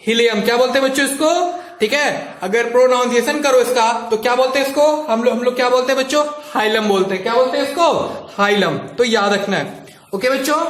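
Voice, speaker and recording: A man's voice: very high-pitched, fairly bright tone, echoey room. A man teaching a biology lesson, repeating points and quizzing students with questions. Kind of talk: classroom lecture.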